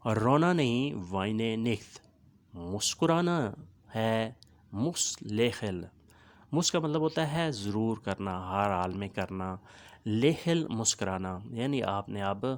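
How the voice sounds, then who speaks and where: Patient man teaching phrases slowly, low voice. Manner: patient, repeats each phrase and explains it word by word. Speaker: language teacher. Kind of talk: language lesson, repeating phrases slowly.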